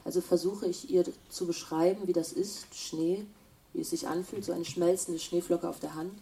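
A woman plays a reflective traveler who narrates in a low, mellow voice. The delivery is calm and thoughtful, and she sounds slightly away from the mic. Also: moderate pace, vocal fry, distant mic. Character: reflective female traveler on a flight. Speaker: traveler telling her story.

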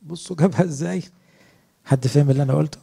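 A man's voice: on the high side, rapid-fire, vocal fry, warm tone, breathy edge. A middle-aged man with an Egyptian Arabic accent, preaching a sermon as a priest, earnest and asking his listeners rhetorical questions.

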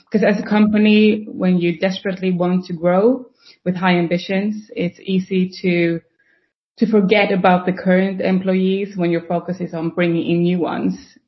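A woman, a tech recruiter, laying out a topic thoughtfully as a podcast guest. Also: fairly low pitch. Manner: thoughtful, steady explaining with fillers. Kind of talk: casual podcast discussion. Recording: dull lo-fi sound.

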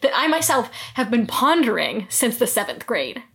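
Animated young woman, higher voice, casual podcast banter, playful and giggly. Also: normal speed, gravelly. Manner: bubbly, laughs often, playful exaggeration. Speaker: podcast co-host. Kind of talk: casual chat recapping a TV episode.

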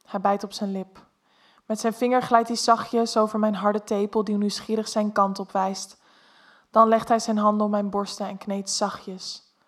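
A woman reading an erotic story aloud in a soft, intimate first-person narration. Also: mid-range voice, flat delivery, moderate pace.

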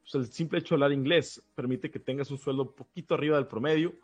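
A man's voice: medium pitch, quick pace, a little mellow, slightly rough, muffled recording. A man from Baja California with a northern Mexican accent, talking casually as a podcast co-host. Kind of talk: casual conversational discussion.

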